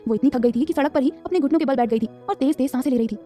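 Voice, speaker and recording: A woman narrating a serialized romance story in a dramatic, fast scripted style. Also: high voice, dark tone, soft background music.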